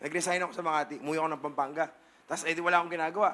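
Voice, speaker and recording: A Filipino male pastor giving a humorous, playful testimony sermon, with bursts of shouting. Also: fairly high pitch, fairly even intonation, racing. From Philippines.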